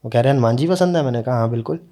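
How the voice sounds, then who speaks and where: A young man with a mellow, warm tone tells a personal story as a podcast guest. He talks casually and earnestly, and slows down to let the emotional moments land. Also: medium pitch.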